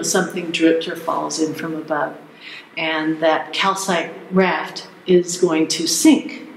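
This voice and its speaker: Man guiding a tour with cave echo. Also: a little high. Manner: explains patiently with frequent restarts. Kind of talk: guided tour explanation. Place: inside a limestone cave. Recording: echoey cave recording, faint noise.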